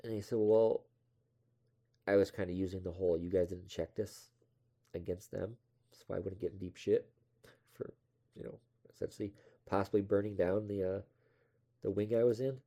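A man's voice: lowish voice, fairly even intonation, moderate pace, long pauses, warm tone. A young man casually telling a rambling story from his past, offhand and self-deprecating, swearing now and then.

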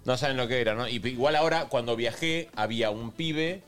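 A man with a Rioplatense Spanish accent talks quickly in a casual group chat, launching into animated anecdotes. His voice sits at a middle pitch. Soft music runs underneath. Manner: fast, animated storytelling. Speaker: co-host.

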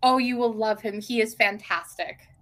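A woman's voice: on the high side, moderate pace, fairly bright tone. A young adult woman chatting as a podcast guest, enthusiastic and hesitant, with many ums and restarts. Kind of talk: casual podcast chat.

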